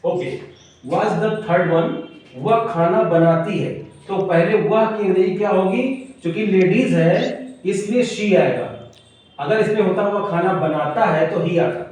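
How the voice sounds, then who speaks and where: A man's voice: high voice, measured pace, darkish tone. Echoey male teacher spelling words aloud. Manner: explains step by step, spells words letter by letter; keeps checking in with listeners. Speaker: English teacher. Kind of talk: classroom grammar lesson. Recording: very echoey room, mic far off.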